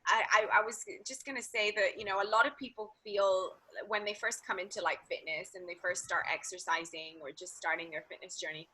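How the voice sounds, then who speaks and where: A woman hosts a casual interview show. Her voice is bright, forward and a little breathy. She asks long, winding questions packed with likes, ums and you-knows. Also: mid-range voice, steady tone, fairly quick, few pauses, poor audio. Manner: rambling questions, many fillers. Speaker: podcast host.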